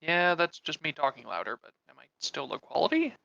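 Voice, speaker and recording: A man playing in an online tabletop game, heard through a low-quality, degraded mic on a voice call, chatting casually and trailing off mid-sentence. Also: huge pitch swings, fairly quick, vocal fry, bright, forceful tone, dry recording, highs cut off. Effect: low-quality, degraded mic sound from noise suppression. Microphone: computer mic on a voice call.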